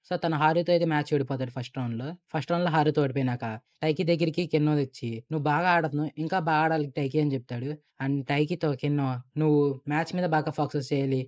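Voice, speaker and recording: A young man narrating a casual anime episode recap, rapidly retelling the story and reading out every character's lines. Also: a little high, darkish tone.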